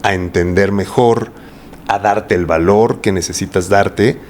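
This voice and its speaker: A man's voice: low-pitched, steady tone, a little slow, a little mellow, slight background noise. A man with a Mexican accent, a voice coach talking at length in a casual interview and often asking rhetorical questions. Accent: Mexican Spanish. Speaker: voice coach guest.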